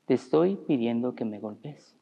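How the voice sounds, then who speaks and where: A priest voicing a stern but loving father who gives firm, measured warnings in a sermon story. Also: mid-range voice, animated, vocal fry, long reverb tail, lo-fi sound.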